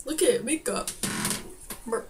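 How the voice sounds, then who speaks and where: A young woman chatting casually and excitably with a giggly manner, as in a home video. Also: fairly high pitch, slow, over music. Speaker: video challenge host. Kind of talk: casual, giggly chat during a sneezing challenge. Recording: noisy amateur home recording.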